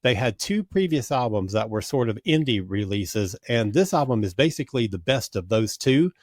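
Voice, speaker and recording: A man's voice: mid-range voice, dry recording, studio quality. A man hosting a music podcast, walking through albums in an organized, informative way. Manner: organized, informative, steers the show. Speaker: podcast host. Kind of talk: casual chat.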